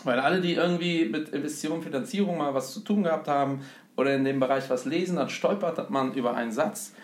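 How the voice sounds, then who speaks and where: A man's voice: fairly high pitch, quick pace. German man talking in an echoey room. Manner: thoughtful, frequent fillers, lecturing tone. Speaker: host. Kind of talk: conversational talk about investing.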